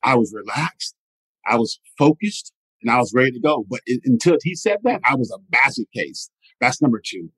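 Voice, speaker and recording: A middle-aged man telling his life stories in an interview as a motivational speaker, animated and often asking "right?". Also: medium pitch, moderate pace, husky, no room sound, low-quality recording. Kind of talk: storytelling interview.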